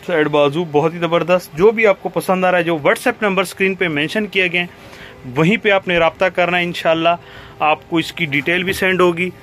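Male shop seller, Pakistani accent, slightly high voice, eager teleshopping patter, faint background noise. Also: steady tone, moderate pace, a bit bright. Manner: eager teleshopping patter, repeating praise and prices. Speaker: cloth shop seller presenting stock. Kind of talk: sales pitch for a product video. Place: fabric shop, indoors.

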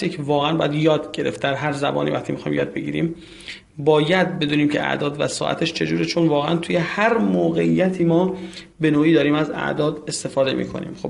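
A man teaching a language lesson, explaining quickly and then slowing down to spell out and repeat each word for his listeners. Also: a little high, vocal fry.

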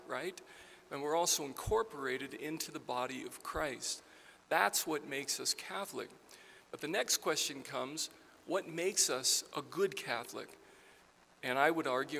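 Middle aged guy giving a church sermon, deliberate n emphatic, kinda gravelly, echoey church w some faint noise. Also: a little high, sharp tone. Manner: deliberate, emphatic, repeats phrases for stress. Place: large church, at a pulpit. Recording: reverberant church hall, background noise.

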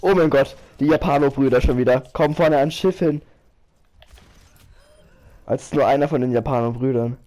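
A man commentating his own match while playing, excitable, often exclaiming and laughing. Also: mid-range voice, normal speed, long pauses. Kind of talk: casual gaming commentary.

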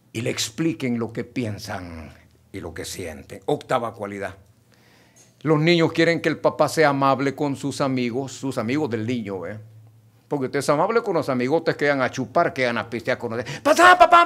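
A man's voice: medium pitch, expressive, moderate pace. A middle-aged man, preaching a sermon and addressing the congregation directly and emphatically. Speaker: pastor.

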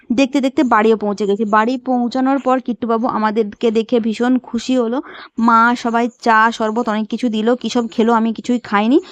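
A woman's voice: on the high side, dry recording. A young woman chatting in a casual vlog, talking straight to her viewers. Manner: chatty, emotional, upset in later parts. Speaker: vlogger.

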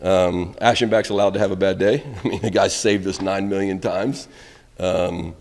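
Low-voiced coach, candid and rambling. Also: male voice, fairly even intonation, normal speed, vocal fry, in a large hall. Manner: candid, rambling, trails off quietly at ends of answers. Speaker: college baseball head coach. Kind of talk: postgame press conference. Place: press room in front of a backdrop. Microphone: reporters' phones and handheld mics held close.

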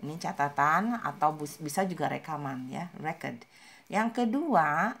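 A woman whose first language is Indonesian gives an informal pronunciation lesson. Her voice sits low with a gravelly edge. She talks slowly, with fillers, and says each example word again and again to show the stress. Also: expressive, fairly bright tone. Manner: slow, repeats words for stress with many fillers. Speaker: English pronunciation teacher.

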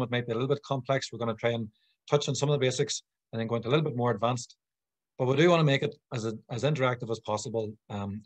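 A Northern Irish man, a sales consultant appearing as a guest speaker, gives an informal business presentation from a room at home or a small office. His medium-pitched voice is captured dry by a computer mic on a video call.

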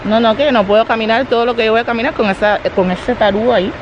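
Walking outdoors by a road, a woman chats directly to her viewers while holding her own camera for a casual family vlog. She talks quickly in a fairly high, steady voice, and the muffled audio picks up traffic and street noise.

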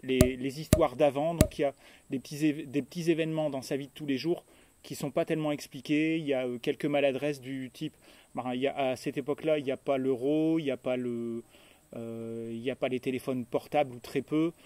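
A man's voice: medium pitch, fairly even intonation, fairly quick, mellow, no echo. A man chatting casually about books in a vlog, with lots of hesitations and fillers. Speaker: book vlogger. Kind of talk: casual book review vlog. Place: holiday stay in Tuscany.

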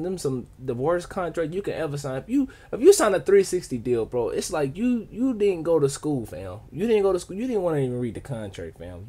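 A man in his twenties with an American accent giving casual, slangy, emphatic reaction commentary to the camera. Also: a little high. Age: 20s. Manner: animated, slangy, emphatic, peppered with "bro" and "you know what I'm saying". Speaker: reaction video host. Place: small home studio with acoustic foam panels, indoors.

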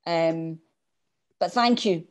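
A woman's voice: fairly low pitch, extremely slow. A woman hosting an online talk over a video call, thanking and questioning her guest with many fillers. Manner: warm, appreciative, with fillers. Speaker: host.

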